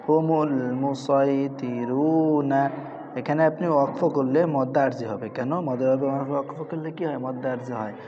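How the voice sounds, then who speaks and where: A man teaching Quran reading in a madrasa, spelling out letters and slowly chanting each verse. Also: medium pitch, steady tone, background noise. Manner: slow drawn-out chanting of verses, then quick spelled-out rules. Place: madrasa with children's noise around. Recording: lo-fi with long hall reverb.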